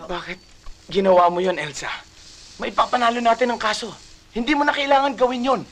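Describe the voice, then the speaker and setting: An actor playing a supportive partner in a film drama, gently coaxing a young boy to eat. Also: extremely high pitch, brisk. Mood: puzzled.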